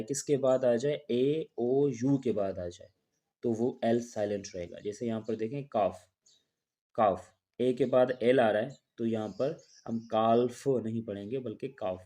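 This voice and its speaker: Guy teaching a lesson, soft mellow voice, patient, keeps repeating the rule and asking then answering himself. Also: medium pitch. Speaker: English teacher. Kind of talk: explaining a language lesson.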